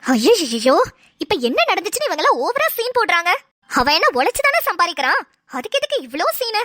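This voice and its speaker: A woman's voice: very high-pitched, sing-song, brisk, sharp tone, dry recording, studio quality, exaggerated voice. A woman voicing a sarcastic daughter-in-law who mocks her in-laws, in cartoon voice acting. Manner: sarcastic, mocking.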